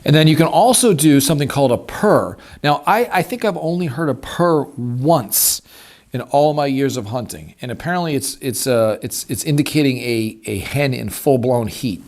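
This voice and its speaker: With lively intonation and a medium, a little mellow pitch, a man speaks at normal speed while demonstrating a turkey call at a wooden table. He's a hunting instructor giving an informal, folksy hands-on lesson in an easygoing way. Background noise and the call's clicking come through in the clear recording.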